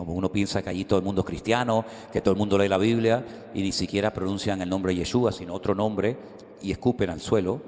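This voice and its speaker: A man's voice: low voice, a little mellow. A middle-aged man preaching a sermon, telling stories animatedly and acting out the dialogue. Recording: reverberant hall.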